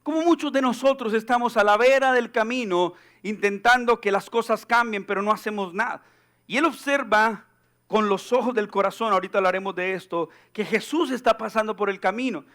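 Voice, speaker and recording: A man preaching a sermon as pastor in a church, animated and joking, acting out the people he quotes. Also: high-pitched, fairly quick.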